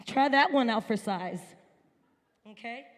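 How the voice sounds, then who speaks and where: A woman's voice: a little high, unhurried, long reverb tail. A woman from upstate New York giving an earnest, emphatic personal testimony at a church service. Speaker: guest speaker at a church service. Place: church sanctuary.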